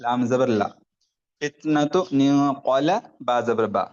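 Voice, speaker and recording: Slow, patient man drilling syllables. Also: medium pitch, a little mellow, lo-fi sound. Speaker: Quran reading teacher. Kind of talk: online spelling-out lesson.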